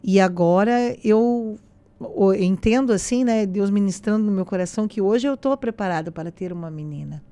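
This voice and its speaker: Mellow-voiced woman telling her story. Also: medium pitch, moderate pace. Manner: animated storyteller who acts out quoted dialogue. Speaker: podcast guest. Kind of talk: casual personal faith testimony.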